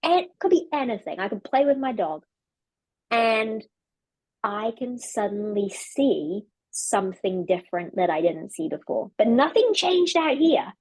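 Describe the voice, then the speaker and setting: A London woman with an English accent, a leadership coach, is a guest on a podcast and talks about her life in a casual, earnest, reflective conversation, often restarting her phrases. Her voice is on the high side, husky and darkish, with lively intonation and a slightly slow pace. The recording is rough, with no room sound.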